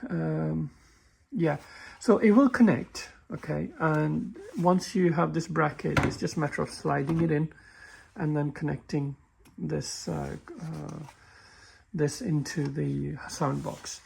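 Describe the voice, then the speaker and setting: A man walking through a car repair in a halting, casual way, often stumbling and restarting his sentences. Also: a little high, fairly even intonation, vocal fry, darkish tone, slight background noise. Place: workshop with a work table.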